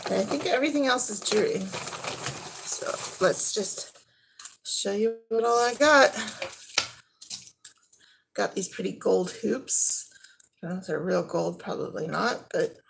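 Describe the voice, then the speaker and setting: Expressive and gravelly at a medium pitch, a woman in her thirties vlogs a thrift haul from her living room, talking about each piece as she picks it up. She takes her time and trails off while handling things, against a noisy background.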